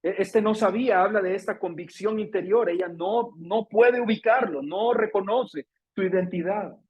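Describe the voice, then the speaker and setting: A pastor speaking with a Salvadoran Spanish accent delivers an impassioned church sermon at normal speed, his voice slightly rough. Quoting scripture, he acts the lines out animatedly and breaks into abrupt high-pitched exclamations, all on a muffled recording.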